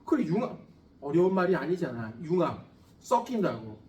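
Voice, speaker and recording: A man's voice: fairly high pitch, very animated, normal speed, darkish tone. A man lecturing a science class, blunt and profane, joking and firing questions at his students. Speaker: science lecturer at a cram school. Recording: echoey room, mic at a distance.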